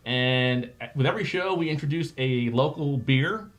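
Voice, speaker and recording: A man's voice: medium pitch, normal speed. A man hosting a casual chat show, joking with his guests and often restarting his sentences. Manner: joking, animated, with frequent restarts. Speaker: host.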